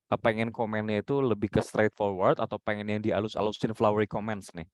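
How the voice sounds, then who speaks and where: A man's voice: lowish voice, little pitch movement, fairly quick, dry recording. A man mentoring journalism students, giving direct, instructive feedback and demonstrating intonation himself. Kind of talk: coaching critique.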